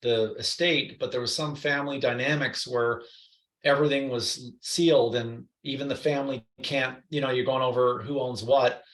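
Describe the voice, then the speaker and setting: Animated storytelling man in a roomy room. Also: medium pitch, moderate pace. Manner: lively, animated anecdotes with quoted voices. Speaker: guest. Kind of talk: storytelling interview chat. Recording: roomy echo.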